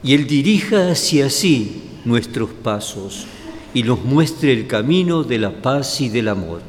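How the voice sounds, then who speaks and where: A cathedral echo with long reverb and clear background noise surrounds a man leading solemn prayer. He speaks slowly at a medium pitch, pausing between short phrases as he gives blessings. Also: very animated. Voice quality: echoing cathedral sound. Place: large cathedral, indoors.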